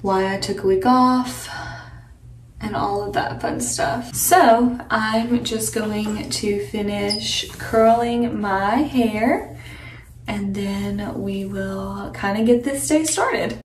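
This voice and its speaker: A woman's voice: medium pitch, slow pace, slight background noise. Young woman in her twenties, casual home vlogger, rambly and chatty, filmed on a handheld camera in her kitchen. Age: 20s. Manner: chatty, rambling with frequent ums and likes. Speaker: lifestyle vlogger. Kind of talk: casual vlog chat to camera. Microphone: phone camera at arm's length.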